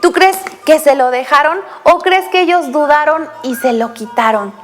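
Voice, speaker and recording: A woman giving a children's Bible lesson, speaking straight to the child with many questions and lively storytelling. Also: high voice, normal speed, big-room sound, soft background music. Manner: addresses the child directly with frequent questions; animated storytelling.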